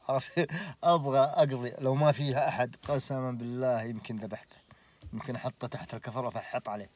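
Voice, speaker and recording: A man in his late twenties with a Saudi accent, telling a personal story casually, animated and full of oaths. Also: medium pitch. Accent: Saudi Arabic. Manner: animated, swears oaths, laughs through the story.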